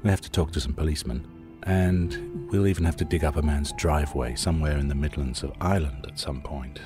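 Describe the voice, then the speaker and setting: Very deep-voiced male true-crime storyteller over music. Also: fairly quick. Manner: conversational storyteller, addresses the listener directly, short suspenseful phrases. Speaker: podcast host and narrator. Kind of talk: scripted true-crime documentary narration.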